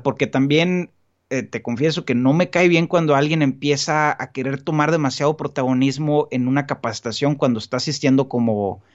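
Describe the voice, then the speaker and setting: A man whose first language is Spanish appears as a guest in a casual podcast conversation, talking earnestly but rambling, with frequent restarts and fillers. His voice is mid-range, and the recording has its highs cut off.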